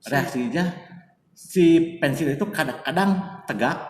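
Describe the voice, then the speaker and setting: His pitch sits fairly high and his intonation is lively, though he takes his time. As a guest in an informal interview, he tells a story in a chatty way, mentions himself by name, and leans on many fillers, recorded in an echoey, distant space with a little noise.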